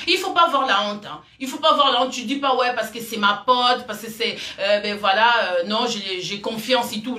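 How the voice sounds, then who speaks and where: A woman's voice: on the high side, sharp tone, echoey room. A woman gives emphatic, rambling commentary straight to camera and repeats her points often. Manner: emphatic, repetitive, rambling, addresses viewer as "ma chérie". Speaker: vlogger.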